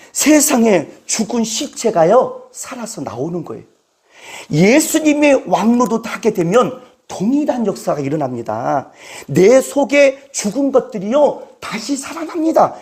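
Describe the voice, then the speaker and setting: A man's voice: high voice, vocal fry, darkish tone. Male pastor preaching in a church, emphatic and call-and-response driven, voice swinging widely up and down. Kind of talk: preaching a sermon.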